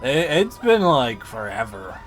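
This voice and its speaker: A man's voice: mid-range voice, very animated, measured pace, a bit bright, faint music behind. A man streaming a watch-along, chatting casually with lots of fillers and easy laughs.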